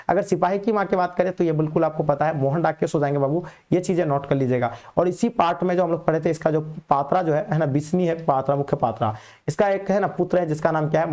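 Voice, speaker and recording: A man teaching an exam revision lesson, quizzing students in a brisk, repetitive way and calling them "babu". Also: a little high, a little mellow.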